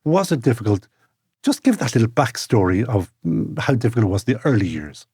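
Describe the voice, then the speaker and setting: A man's voice: mid-range voice, very animated, fairly quick, dark tone, slightly rough, no echo, studio quality. A man hosts a conversational interview in short punchy sentences, teasing and dramatising as he goes. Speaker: interviewer, host.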